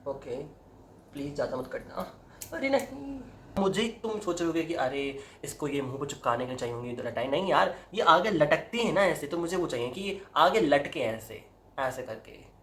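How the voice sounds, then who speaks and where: A man's voice: on the high side, lively intonation, normal speed, a little hiss or hum. Young man, casual home vlog, Hindi-English chatter, dramatic yelps, echoey room. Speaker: vlogger. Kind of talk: casual chat to camera. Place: indoors at home, roomy.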